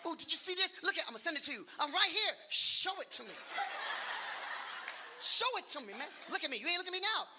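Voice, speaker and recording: A man in his late fifties works a comedy stage, loud and animated, firing off punchlines twice and talking straight to the crowd. His voice sits unusually high for a man. The live recording carries clear audience noise behind him. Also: fast. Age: 50s. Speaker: stand-up comedian. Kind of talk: stand-up comedy.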